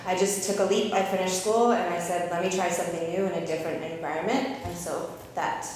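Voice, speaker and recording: Woman, 30s, interview guest, candid and energetic; slightly low voice, echoey hall sound. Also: brisk. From Canada (Calgary). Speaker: interview guest, eyebrow artist. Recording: roomy reverberant space with faint noise.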